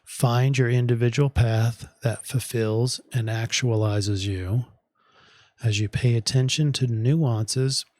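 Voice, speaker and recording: A man delivering a weekly astrology forecast in a measured, deliberate way, and he is losing his voice. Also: mid-range voice, steady tone, darkish tone, dry recording.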